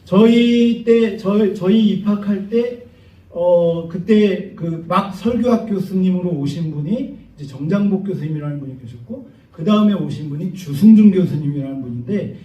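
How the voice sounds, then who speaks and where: A man's voice: high voice, moderate pace. A male pastor preaching a sermon, telling a story with humor, acting out voices and joking with the congregation. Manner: animated storyteller, acts out voices, jokes with the congregation. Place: church sanctuary. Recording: echoey church hall from far off, dull.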